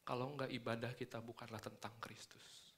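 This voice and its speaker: A man's voice: mid-range voice, little pitch movement, brisk, a bit bright. A man with an Indonesian accent preaching a sermon, speaking with dental braces that slightly hamper his articulation, emphatic and checking in with listeners as he teaches.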